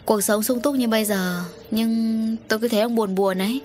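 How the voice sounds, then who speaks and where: A woman's voice: a little high, steady tone, moderate pace, a little mellow, soft background music, voice pushed up, close to an everyday voice. A woman voicing an anxious middle-aged mother in an audio story, fretful and scolding. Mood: worried.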